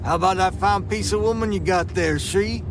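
A man's voice: high-pitched, normal speed, noisy background, voice pushed up, close to an everyday voice. A man voicing a crude, menacing male thug on a bus, taunting and leering. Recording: background music.

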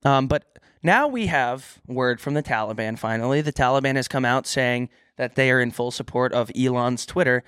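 Casual male co-host, medium pitch, th pronounced as f, self-deprecating humor, dry sound. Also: normal speed, a bit bright, clean tone, no echo. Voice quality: says th sounds as f. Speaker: podcast co-host. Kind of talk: casual comedic chat.

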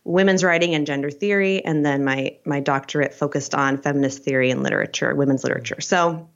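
A woman in her forties from Idaho, a professor giving measured, thoughtful interview answers. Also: low voice, creaky, highs cut off. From Idaho, USA. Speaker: guest, professor and dean.

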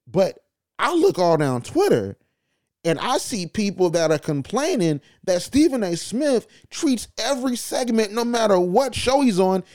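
A man hosting a podcast, giving casual, animated opinion commentary with loose slang. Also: sits high, dry recording, studio quality. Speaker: podcast host.

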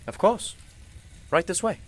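In a radio play, a man lightly acts the part of a kindly, wise, slightly mysterious shopkeeper. His speech is formal, measured and reassuring, with a courteous, knowing mood.

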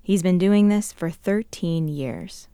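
A woman hosting a podcast, reading scripted narration in a measured, gentle storytelling voice. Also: fairly low pitch, no echo, studio quality. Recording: narration over clear music.

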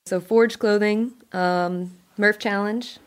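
A woman who is a podcast guest, chatting casually with enthusiastic quick interjections. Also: medium pitch, steady tone, clear, resonant tone. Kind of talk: casual chat.

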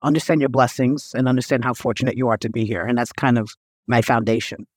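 A man's voice: mid-range voice, flat delivery, fast, husky, no room sound, studio quality. A middle-aged man from New York, a guest on an interview, telling his story in an earnest, reflective way. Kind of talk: interview conversation.

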